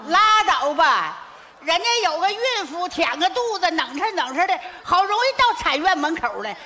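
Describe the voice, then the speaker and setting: An actress playing a loud, doting middle-aged mother with a Northeastern Mandarin accent, talking in a teasing, wailing manner. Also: very high voice, sing-song, moderate pace, exaggerated voice. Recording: noisy stage recording.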